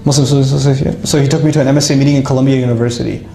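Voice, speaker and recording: Lively and self-mocking, a man tells an audience his life story casually, restarting often. His medium-pitched voice is very fast with vocal fry, and the room is echoey.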